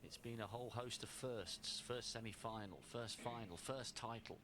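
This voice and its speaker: A man giving measured live snooker commentary in short phrases, with pauses between them. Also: medium pitch, a crowd in the background.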